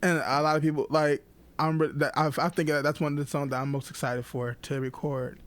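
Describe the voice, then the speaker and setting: A young man co-hosting a podcast, talking casually and haltingly with frequent restarts and laughs. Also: a little high, level tone, no room sound. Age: young adult. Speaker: podcast co-host. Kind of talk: casual chat.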